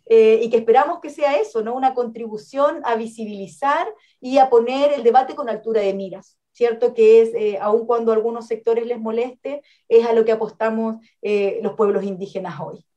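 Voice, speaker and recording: Woman academic on a radio interview, kinda high voice, earnest, keeps saying "¿no?". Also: fairly even intonation, moderate pace, warm tone, muffled recording. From Chile. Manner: earnest and explanatory, frequent "¿no?" and "¿cierto?" tags. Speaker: academic guest.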